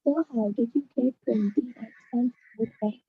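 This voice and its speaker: A woman's voice: fairly high pitch, moderate pace, husky, no echo, narrow, tinny audio. A young woman, a student in an online class, politely asking her teacher questions and calling him sir. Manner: polite, keeps saying sir.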